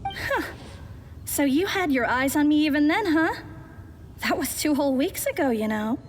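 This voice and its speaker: A woman's voice: sits high, expressive, moderate pace, a little hiss or hum. A woman voicing a composed, formal and courteous young woman mage in a video game.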